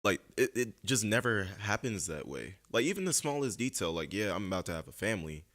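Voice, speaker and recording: A man's voice: lowish voice, big pitch swings, a bit bright. A young man hosting a casual podcast chat, talking earnestly and reflectively with lots of fillers. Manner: earnest, reflective, speaks slowly with many fillers. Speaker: podcast host.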